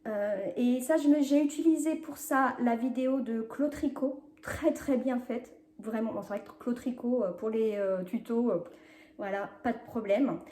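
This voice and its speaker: In a casual knitting vlog recorded in an echoey home room, this podcast host shows her work while chatting with lots of hesitation and filler words. Her pitch is fairly high and her tone dark; she laughs often, sometimes speeds up, and says sorry for talking quickly.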